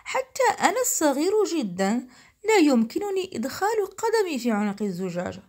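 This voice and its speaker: A woman's voice: high voice, big pitch swings, brisk. A woman voicing a clever, sarcastic male fisherman who mocks a genie in a storybook reading. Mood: mocking. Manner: sarcastic, teasing.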